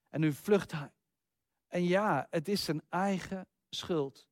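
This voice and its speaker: A man preaching a sermon, retelling an old story earnestly, with slow pauses and sudden quick rushes. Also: a little high, darkish tone, dry recording, studio quality.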